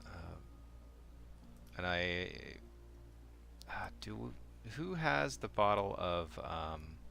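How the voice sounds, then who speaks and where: Deep, slow-talking man at a game table. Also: lively intonation, gravelly, sharp tone, slight background noise. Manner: unhurried, with hesitations. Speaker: player.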